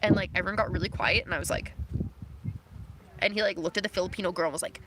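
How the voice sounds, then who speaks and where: A woman's voice: fairly low pitch, steady tone, fast talker. A young woman live-streaming from her phone outdoors, chatting casually and reading out comments, with plenty of fillers. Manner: chatty, filler-heavy, reads chat comments aloud. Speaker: livestreamer. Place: outdoors near passing vehicles. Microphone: phone held close. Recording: phone recording with outdoor noise.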